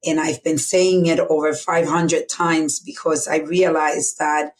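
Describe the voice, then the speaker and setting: A middle-aged Dominican woman, speaking with a Dominican Spanish accent, tells her life story as a guest in a candid, reflective way. Her voice is low and fairly even in pitch, her pace a little slow, and her speech is full of fillers.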